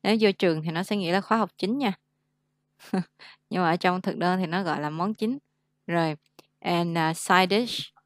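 A woman's voice: fairly low pitch, normal speed, no room sound, studio quality. A young woman teaching an English lesson on a video call, chatty and laughing often, mixing English words into her explanations. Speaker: English tutor. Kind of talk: casual online lesson.

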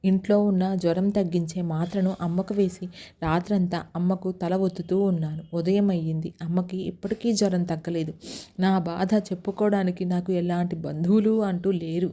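Mellow-voiced woman narrating a story. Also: fairly low pitch. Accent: Telugu. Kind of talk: first-person story narration.

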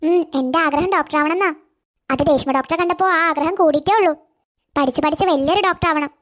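A meek, stammering cartoon schoolgirl in her early teens, voiced by a woman. Her voice sits very high and the words tumble out quickly. She sounds timid and easily brought to tears. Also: lightly acted. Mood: earnest. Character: poor, timid schoolgirl in eighth grade. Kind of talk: cartoon voice acting.

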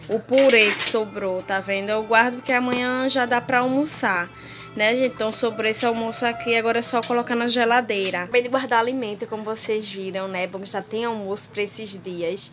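A young Brazilian woman with a Brazilian accent, chatting casually to viewers in a home vlog, filmed on a phone at arm's length indoors. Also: medium pitch. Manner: chatty, keeps addressing viewers warmly with diminutives. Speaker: home vlogger.

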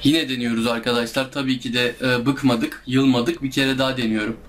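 A man's voice: mid-range voice, level tone, brisk, a bit bright, slight background noise. A young man commenting live on a hard game he is playing, exasperated, groaning and pleading with the enemies as he keeps losing. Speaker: gameplay streamer.

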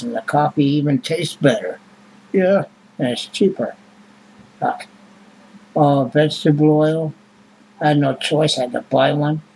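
At home in a small room, a man rambles and swears casually while reading prices off a receipt into his webcam for a vlog. His voice is on the high side with a darkish tone, and the rough recording carries a slight hiss or hum.

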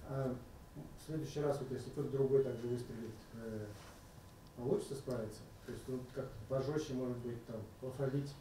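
A man asks a journalist's long, polite questions from the floor of a press conference. He sounds far from the microphone in a very echoey room. Clear background noise sits under his voice. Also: medium pitch, fairly even intonation, brisk. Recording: distant, echoey room mic.

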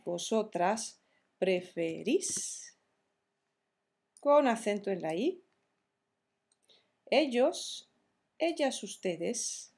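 A woman teaching verb conjugations in a slow, careful tutorial, spelling out each form deliberately. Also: mid-range voice, darkish tone, husky. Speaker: Spanish teacher.

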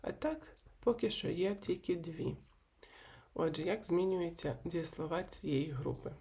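A woman presents a video grammar lesson in a low, gravelly voice. She goes very slowly and deliberately and spells out each verb form in turn. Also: mellow. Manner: slow, deliberate, repeats verb forms one by one. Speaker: Hebrew language teacher.

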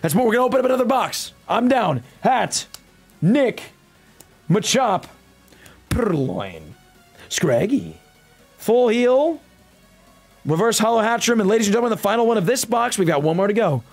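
This young adult man, a live streamer opening card packs, has a fairly high, creaky voice with very animated pitch and a fairly quick pace. Chatting casually with viewers from an indoor streaming room at home, he's slangy and bro-heavy, swinging between low muttered asides and loud hype calls over soft background music.

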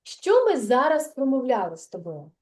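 A woman teaching a lesson to small kindergarten children, speaking in a sing-song, drawn-out, coaxing way and reciting little rhymes. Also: sits high, huge pitch swings, a little mellow. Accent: Ukrainian.

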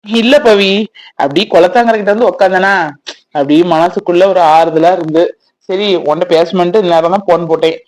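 Woman doing a gentle, caring village fiancé. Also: fairly low pitch, brisk, close to an everyday voice, poor audio. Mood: reassuring. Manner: gentle, reassuring, coaxing. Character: young village man, caring and protective fiancé.

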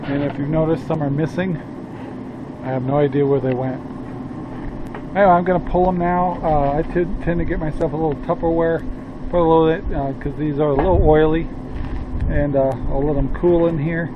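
The host of a casual cooking vlog, an older man, rambles in a folksy manner with lots of "uh"s and quiet chuckles. His voice is a little high and steady, fairly quick, captured on narrow, tinny audio with background noise in both an outdoor grill yard and a cluttered indoor room.

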